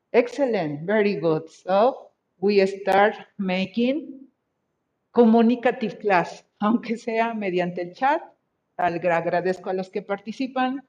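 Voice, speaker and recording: Slow, encouraging woman teacher. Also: mid-range voice, darkish tone. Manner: encouraging, repeats students' sentences slowly. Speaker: English teacher. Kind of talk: online class teaching, bilingual. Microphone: video call.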